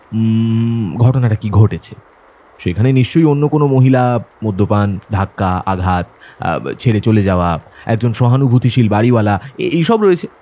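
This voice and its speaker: An actor playing Dr Watson, a genial, sceptical gentleman who tells the story in the first person, with expressive delivery and a husky voice. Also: mid-range voice, lightly acted.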